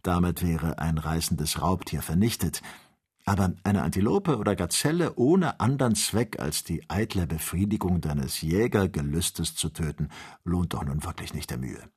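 Measured male doctor, read by a man, deep voice, husky tone, storybook reading. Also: animated, a little mellow, full character voice. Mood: earnest. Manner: measured and instructive. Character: calm, careful male doctor leading the expedition.

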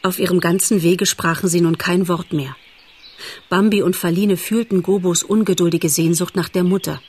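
A woman narrating a children's animal story in a calm, measured audiobook style. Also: on the low side, breathy edge.

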